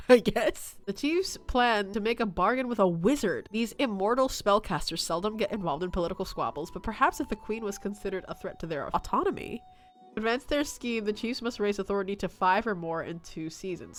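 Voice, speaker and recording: A young woman streaming a strategy game, reading its text aloud and joking in a giggly, excitable way, swearing freely. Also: medium pitch. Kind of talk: game livestream with read-aloud narration.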